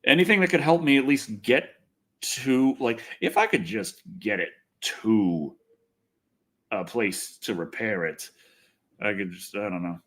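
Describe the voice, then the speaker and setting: His voice is lowish and a bit bright, and he keeps a measured pace. As a livestream host, he chats casually and rambles while reading comments, complaining in a wry, exasperated, sweary manner.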